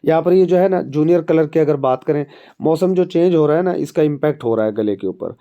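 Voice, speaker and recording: Here the instructor's voice is a little high and he talks fast, with a muffled recording. He's a man with a Pakistani Urdu accent and a sore throat, chatting directly to viewers about exam and job updates for his academy.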